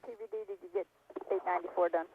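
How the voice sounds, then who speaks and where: Male launch controller, slightly high voice, terse procedural calls over crackly, phone-thin radio. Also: wildly swooping pitch, rapid-fire, vocal fry. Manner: clipped, businesslike. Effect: crackly radio intercom. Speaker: launch test conductor on the radio loop. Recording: tinny narrow-band radio loop.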